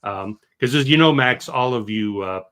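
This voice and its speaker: An American man in his fifties, a filmmaker hosting a launch chat, talking haltingly with many fillers and restarts. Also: mid-range voice, fairly bright tone. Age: 50s. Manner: hesitant, full of fillers and restarts. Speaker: filmmaker and host. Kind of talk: casual chat.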